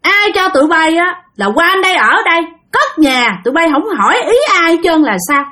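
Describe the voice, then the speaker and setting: Angry old male ghost guarding his land, gruff and scolding, Southern Vietnamese accent, high voice, as a woman storyteller puts him on. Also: normal speed, bright, forceful tone.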